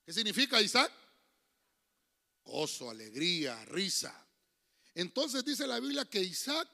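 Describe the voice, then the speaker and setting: Emphatic Honduran pastor preaching. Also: male voice, high voice, vocal fry, pushed and bright, big-room sound. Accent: Honduran Spanish. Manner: preachy and emphatic, calls out to the congregation. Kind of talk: sermon. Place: church hall.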